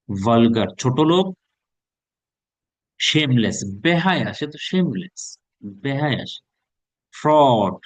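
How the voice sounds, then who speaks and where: A Bangladeshi man with Bengali as his first language, teaching an English class online. He reads English lines slowly and explains them in Bengali. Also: lowish voice, no echo, rough recording. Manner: lists words in quick drill.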